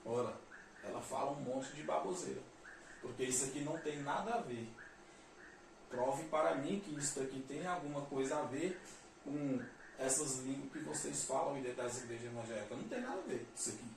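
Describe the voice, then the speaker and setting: A man's voice: mid-range voice, normal speed, creaky. A Brazilian man with a Brazilian Portuguese accent preaching a sermon, emphatic and repetitive, reading verses aloud. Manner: emphatic, repeats phrases, reads verses aloud. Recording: echoey, distant mic, faint noise.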